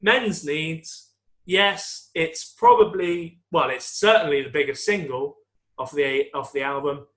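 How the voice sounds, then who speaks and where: A man co-hosting a comedy pop-culture podcast, talking slowly and unhurriedly. His voice has a bright, forward edge, and he rambles, swears and chuckles through his picks. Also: fairly high pitch. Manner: rambling, swearing, laughs often, sings song lines. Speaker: podcast co-host. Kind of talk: casual comedy podcast chat.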